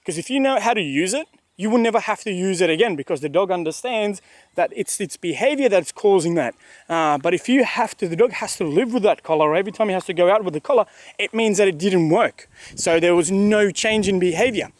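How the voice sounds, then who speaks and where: Outdoors at a dog park, a man with a high, lively voice gives brisk, casual dog training tips. He's emphatic, repeats his points, and acts out what the dog is thinking. There's no room sound.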